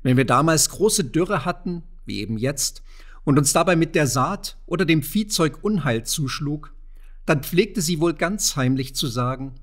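A man voicing a poor, frail old widow who speaks softly and mildly. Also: a little high, expressive, a little slow. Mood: gentle. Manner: soft, mild, secretive.

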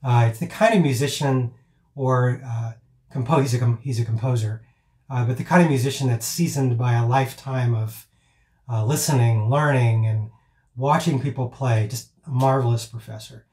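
A man's voice: medium pitch, normal speed, darkish tone. A man teaching piano in a loose, rambling way, with many fillers and restarts, now and then chanting counts aloud. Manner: chants counts and rhythm words aloud as demonstrations. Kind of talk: informal teaching talk. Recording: roomy echo.

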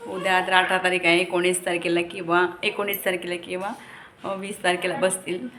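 A woman's voice: on the low side, little pitch movement, normal speed, bright, forceful tone. Chatty young mother vlogging at home. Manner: chatty, scolding her kids between asides. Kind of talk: casual family vlog chat to viewers. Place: home with a gallery.

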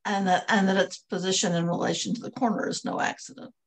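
A woman's voice: mid-range voice, fairly even intonation, quick pace. A woman taking part in an online parish class, offering an observation over a video call. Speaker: class participant.

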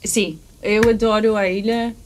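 A woman in her thirties from Canada, a guest in a small podcast studio, chatting in a halting way, often searching for words and letting phrases trail off softly. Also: medium pitch, fairly even intonation, slight background noise. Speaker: guest musician. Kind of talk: casual interview chat.

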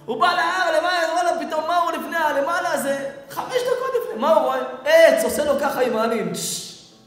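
A male rabbi tells a parable in a lively, sing-song voice that leaps high and keeps breaking into laughter. He is recorded in a large hall with heavy, long echo and faint music in the background. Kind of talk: storytelling sermon.

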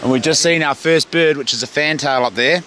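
A man's voice: a little high, fairly quick, poor audio. A man in his thirties with a New Zealand accent, vlogging to camera outdoors in a blunt, joking way. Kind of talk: casual outdoor vlog. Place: outdoors in the rain, by a house. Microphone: handheld camera close to face. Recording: outdoor recording with loud rain noise. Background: rain.

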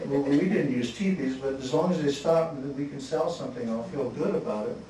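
Man giving a halting slide talk in an echoey hall. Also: medium pitch, a crowd in the background. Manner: relaxed, halting, frequent restarts and chuckles. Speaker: photographer presenting his work. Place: museum lecture hall. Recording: echoey hall, distant mic, faint hiss.

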